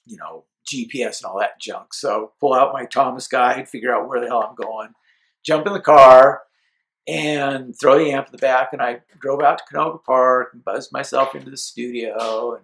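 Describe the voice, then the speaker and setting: A man's voice: medium pitch, normal speed, vocal fry, low-quality recording. A middle-aged man from Seattle casually recounting his early years building amps, acting out quoted lines. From Seattle, USA. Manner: relaxed storyteller, acts out his own and others' quoted lines. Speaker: amp builder telling his story. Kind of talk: casual storytelling interview.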